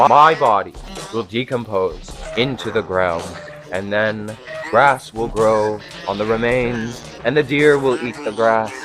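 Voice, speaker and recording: With a mid-range, slightly bright voice, a young man acts out a scripted absurdist comic rant. He swears freely like a mock stand-up host, his sarcasm theatrical and exasperated, punctuated by rhetorical questions.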